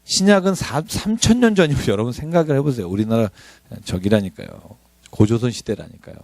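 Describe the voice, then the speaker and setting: A man's voice: medium pitch, brisk, no room sound. A middle-aged male pastor giving a conversational sermon, joking as he teaches. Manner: conversational, animated, joking asides.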